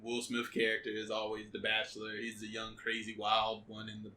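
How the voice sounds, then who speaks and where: A man's voice: fairly low pitch, monotone, a little fast, sharp tone. A man co-hosting a casual podcast, easygoing, laughing often and echoing the others' lines. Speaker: podcast co-host. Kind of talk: casual chat. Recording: distant mic with faint noise and room ambience.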